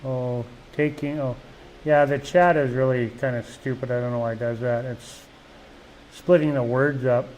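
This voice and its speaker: A middle-aged man from Canada talks on a live vlog in an easygoing, rambling way. He keeps restarting sentences and filling gaps with "you know." His voice sits at an ordinary pitch, with a faint hum of ambience behind him. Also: fairly even intonation, normal speed, a little mellow, low-quality recording. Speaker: vlog host. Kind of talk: casual live-stream chat.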